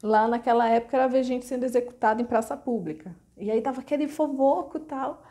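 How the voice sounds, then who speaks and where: A woman's voice: a little high, fast, warm tone. A woman with a Brazilian Portuguese accent retelling an old folk tale in a casual, chatty way, with frequent asides. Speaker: storyteller.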